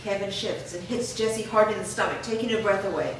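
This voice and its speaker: Steady and matter-of-fact, a woman reads a screenplay's stage directions aloud in a staged reading, her medium-pitched voice brisk. The background is noisy, and she sounds far away in an echoey room.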